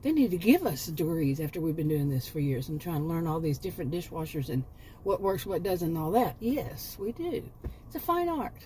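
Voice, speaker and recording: A woman's voice: low-pitched, big pitch swings, fairly quick, warm tone, slight background noise. A woman in her late fifties chatting casually in a rambling vlog, often correcting herself and chuckling at her own asides. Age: 50s. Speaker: homemaking vlogger.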